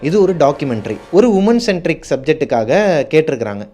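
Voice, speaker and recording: A man's voice: fairly high pitch, big pitch swings, fast talker, mellow, faint music behind. A man, hosting a show and telling horror stories in a chatty way, talking straight to his viewers. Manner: chatty, addresses viewers directly. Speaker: horror story host. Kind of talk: casual horror storytelling.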